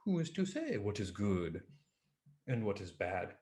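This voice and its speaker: Serene old farmer, quiet and unbothered, guy acting it out. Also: on the low side, voice pushed down. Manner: calm, hushed, unhurried.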